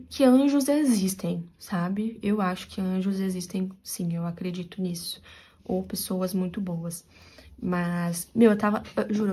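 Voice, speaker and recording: A young woman from Brazil with a São Paulo interior accent tells her viewers a story in a lively, confiding manner as she crochets. Her voice has a mellow, warm tone. Her pitch sits in the middle of the range. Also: breathy edge. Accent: São Paulo interior Brazilian Portuguese. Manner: animated, confiding storyteller who addresses viewers directly. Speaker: crochet channel host.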